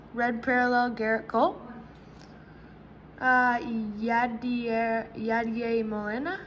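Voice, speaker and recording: Slow-talking woman opening card packs. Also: a little hiss or hum, rough recording. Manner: chatty, bursts into high excited shrieks. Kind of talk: casual pack-opening commentary. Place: indoors at a table. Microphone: camera over hands, speaker off screen.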